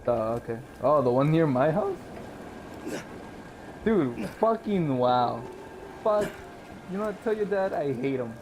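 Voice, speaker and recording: A man's voice: a little high, very animated, measured pace, pauses often, background noise. A young man streaming a game, chatting casually and rambling with lots of swearing and fillers. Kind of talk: casual chat while streaming gameplay.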